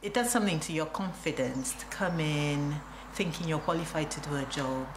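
A woman from Nigeria speaking calmly and reflectively in a documentary interview. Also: low voice, moderate pace, background noise. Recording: music clearly underneath.

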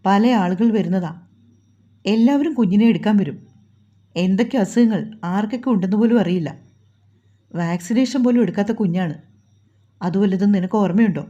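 A woman voicing a stern, quick-tempered young husband who scolds in a lowered voice, in a storybook reading. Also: warm tone, dull audio.

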